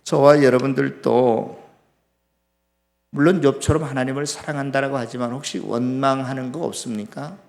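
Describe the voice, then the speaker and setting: A man's voice: medium pitch, steady tone, normal speed, creaky, a little mellow. A man preaching a sermon as pastor, impassioned, acting out complaints and putting questions straight to the congregation. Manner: impassioned, acts out complaints to God in raised voice; asks the congregation questions directly.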